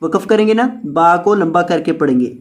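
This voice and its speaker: A Quran teacher with a Pakistani Urdu accent who spells out letters and vowel marks one by one and then chants each verse slowly and melodically. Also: mid-range voice, lively intonation. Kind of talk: tajweed lesson, spelling word by word.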